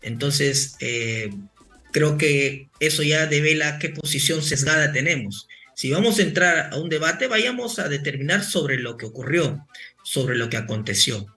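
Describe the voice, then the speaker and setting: A man's voice: on the high side, animated, a little slow, pushed and bright, soft background music. A man arguing formally as a guest in a live political debate, repeating phrases as he makes his case.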